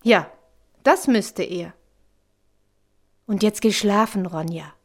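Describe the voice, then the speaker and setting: A wise, unhurried mother speaks in a lowered, calm and measured voice, as a woman reads her part. Her storybook lines fall slowly and steadily. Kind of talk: storybook reading.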